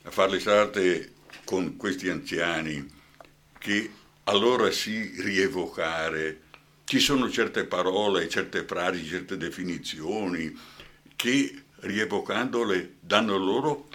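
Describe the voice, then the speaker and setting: A man's voice: sits low, slow, fairly bright tone. An older man with a Brescian accent, an actor guest in a radio interview, talking passionately and often asking "hai capito?".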